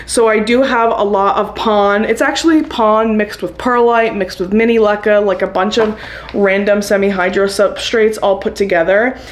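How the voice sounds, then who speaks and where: A woman's voice: mid-range voice, steady tone, normal speed. A young woman vlogging casually about her houseplant chores, chatty and upbeat, laughing often. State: hiccuping. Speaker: plant vlogger. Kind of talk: casual chat to camera.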